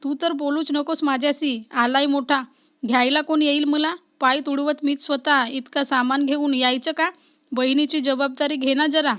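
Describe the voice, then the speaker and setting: A woman's voice: high voice, steady tone, a bit bright. Woman voicing a strict, teasing young officer. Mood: scolding. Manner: teasing, quick to scold. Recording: dull lo-fi recording.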